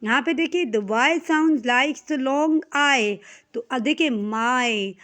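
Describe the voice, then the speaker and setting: A woman with a Pakistani accent teaching young children phonics, reading words aloud and checking understanding with frequent questions. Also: high-pitched. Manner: mixes English reading with Urdu-Hindi explanation, asks checking questions. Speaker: English teacher. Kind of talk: classroom lesson explaining phonics.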